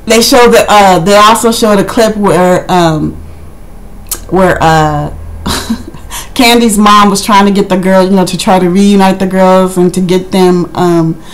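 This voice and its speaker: A woman's voice: mid-range voice, unhurried, low-quality recording. A woman giving a casual, rambling review in a conversational way, slipping into acted-out quotes as she chats to her viewers. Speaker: reality TV recap vlogger. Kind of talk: casual chatty review commentary.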